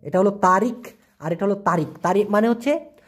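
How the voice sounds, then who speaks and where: A language teacher with a medium-pitched, slightly rough voice gives a brisk, casual lesson. They ask rhetorical questions, answer them themselves, and repeat words to drill them.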